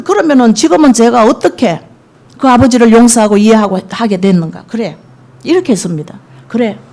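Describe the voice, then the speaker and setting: A woman's voice: on the high side, darkish tone. A middle-aged woman evangelist giving a sermon testimony, telling stories with feeling and acting out quoted speech. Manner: emotional storytelling, acts out quoted speech.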